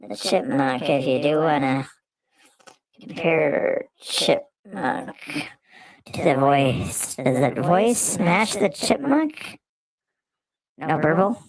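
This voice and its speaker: A man talking through a high-pitched, chipmunk-like voice changer, rambling casually while he tests settings on a live stream. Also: expressive, slow, pauses often, crowd noise, rough recording. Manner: rambling, testing settings aloud.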